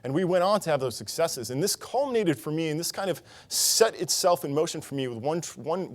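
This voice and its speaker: Fast-talking young man giving a talk. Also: medium pitch, a little mellow. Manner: earnest personal storytelling. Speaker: conference speaker. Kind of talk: conference talk. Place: conference stage.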